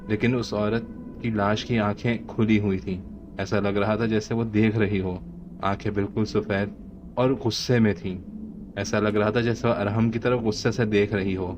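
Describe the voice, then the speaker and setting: A man with a Pakistani Urdu accent narrating a horror story in a steady storytelling voice. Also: lowish voice. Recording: dull lo-fi audio with faint hiss.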